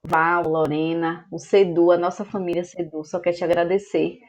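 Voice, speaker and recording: A woman with a lowish, fairly flat voice speaks at a moderate pace as she hosts an online seminar, delivering its closing remarks. She's effusive and grateful, with lots of filler words. The audio is lo-fi, captured over a video call.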